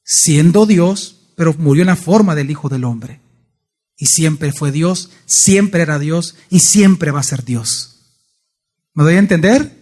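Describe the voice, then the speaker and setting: A man's voice: fairly high pitch, takes it slowly, a little mellow. A male pastor teaching a Bible study sermon in church, often putting questions to his congregation. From El Salvador. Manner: asks the congregation frequent questions.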